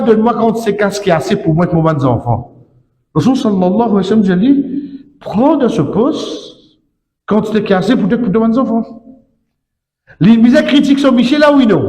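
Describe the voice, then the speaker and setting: An imam delivers an Islamic sermon in an echoey hall with long reverb, speaking emphatically and repetitively with frequent tag words. His voice is high with a darkish tone.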